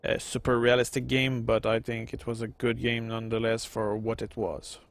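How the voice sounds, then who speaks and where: This gaming video host, a man in his thirties with a Quebec French accent, speaks at a medium pitch with little pitch movement and normal speed. He gives casual let's-play commentary on a strategy game, chatting with viewers and rambling with lots of fillers, in a dry recording.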